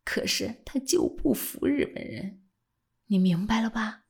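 Woman voicing a hushed old patriotic scholar. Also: lively intonation, a little slow, slightly rough. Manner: speaks low and hushed, often near a whisper, flaring into passion. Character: old male scholar, gentle but fiercely patriotic.

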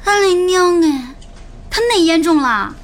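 A woman voicing an excitable, quick-tempered colleague in a fan audio drama. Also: very high-pitched. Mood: exasperated.

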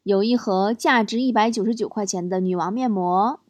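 A woman with a medium-pitched voice and moderate pace hosts a chatty, radio-style show, reading listener jokes and messages aloud. She teases her audience playfully and laughs between stories. The recording is noisy, with no room sound.

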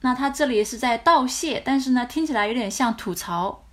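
A woman language teacher explaining dialogue from a drama scene line by line, in patient, animated explanations. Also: on the high side, brisk.

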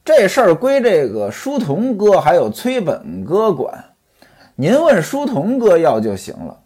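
A storyteller voicing an eager, obliging young male servant who politely reports back to his mistress, with a slightly husky voice. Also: mid-range voice, wildly swooping pitch, a little slow, warm tone, heavily acted.

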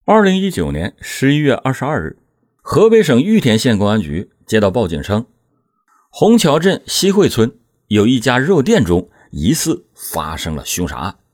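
A man hosting and narrating a scripted true crime program in a measured, suspenseful storytelling manner. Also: medium pitch, huge pitch swings, darkish tone, no room sound, studio quality.

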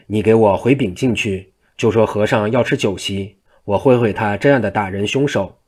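A man's voice: fairly low pitch, moderate pace, a little mellow, slightly rough. A man voicing a scruffy, mischievous monk who teases in a cocky, cheeky way. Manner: teasing, cheeky.

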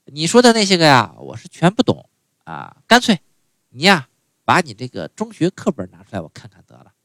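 A man voicing an elderly mother in a stand-up comedy monologue, brisk and down-to-earth as she calls out to her son. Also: sits low, huge pitch swings, no echo, voice pushed up. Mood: grumbling. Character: elderly mother, plain-spoken, dryly humorous.

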